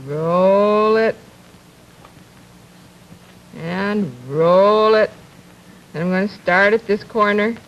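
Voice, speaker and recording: A woman hosting a children's TV show from the 1950s, talking slowly and coaxingly to young viewers and asking them lots of questions as she demonstrates things. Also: mid-range voice, highs cut off. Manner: slow, coaxing, asks many questions of the viewer. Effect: 1950s TV broadcast sound. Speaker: children's TV host. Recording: old 1950s TV broadcast, faint hiss.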